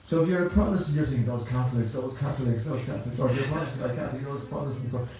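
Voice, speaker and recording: A man's voice: medium pitch, rapid-fire, mellow, slight background noise. An Irish man giving a rambling, conversational Sunday talk at a temple, repeating words as he goes. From Ireland. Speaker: temple speaker. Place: temple hall. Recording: very echoey room.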